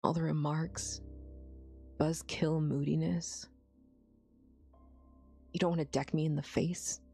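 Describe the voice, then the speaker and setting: A woman's voice: deep voice, level tone, slow pace, creaky, mellow, slightly rough, soft background music, full character voice. A woman voicing a drunk, bitter, heartbroken young man who confesses in half-whispers while reading a story aloud. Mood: anguished.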